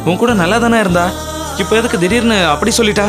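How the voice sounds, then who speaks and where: A man's voice: sits high, fast talker, natural voice. An actor playing a young man who teases his friend and keeps asking him pointed questions, in a TV serial scene. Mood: questioning. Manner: teasing, probing questions. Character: young man, the hero's teasing pal. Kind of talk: TV serial acting. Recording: loud background music score.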